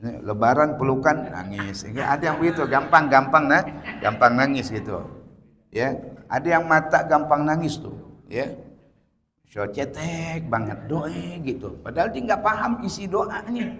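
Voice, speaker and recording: A man preaching a casual sermon lesson, moving between chanted Arabic and joking everyday slang, from loud to soft. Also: fairly high pitch, lively intonation, normal speed. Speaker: Islamic preacher teaching tafsir. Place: large prayer hall. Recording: dull lo-fi audio in a long-echo hall.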